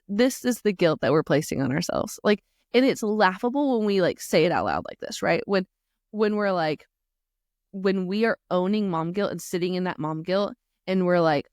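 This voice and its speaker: Chatty woman with a low voice. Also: dry recording, studio quality. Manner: chatty and animated, lots of "like" and self-talk asides. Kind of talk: casual faith talk to moms.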